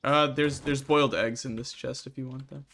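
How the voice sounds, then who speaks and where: A young man in casual chat while playing a game, talkative and quick to laugh, acting out little quoted voices. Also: medium pitch, fairly even intonation, a bit bright. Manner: chatty, laughs often, acts out quoted voices. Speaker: streamer guest.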